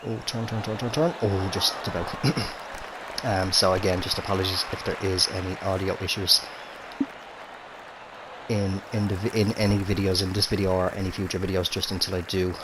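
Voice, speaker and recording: This man's deep voice, flat and moderately paced, comes through a gaming headset as he casually commentates on a game at home, in a room with a TV and console. A cold leaves him a bit throaty; he's relaxed and chatty, full of fillers, with crowd noise and other background sounds present.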